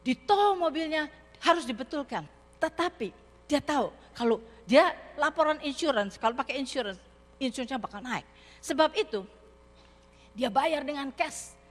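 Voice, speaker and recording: A woman preacher giving a sermon, telling a story and speaking directly to the congregation in an animated manner. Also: high-pitched, normal speed. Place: church hall. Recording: reverberant church hall.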